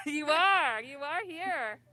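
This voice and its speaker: A woman's voice: sits high, lively intonation, takes it slowly, pushed and bright, dry recording. A woman chatting casually and upbeat as a guest on a radio show. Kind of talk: casual chat.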